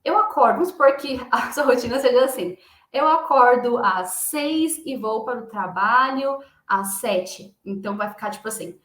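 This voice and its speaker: A woman's voice: on the high side, lively intonation, normal speed, fairly bright tone. A woman who is an English teacher, giving a live online lesson, explaining patiently step by step and checking in with her class often. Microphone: computer mic in a live stream, screen shared. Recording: echoey room.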